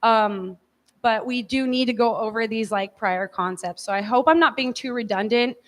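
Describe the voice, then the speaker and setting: A woman's voice: fairly high pitch, moderate pace. A woman giving an informal lecture to a class in a casual, hedging way, speaking in a large echoey room. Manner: casual, hedging, often says like. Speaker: teacher leading a class. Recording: echoey hall, long reverb.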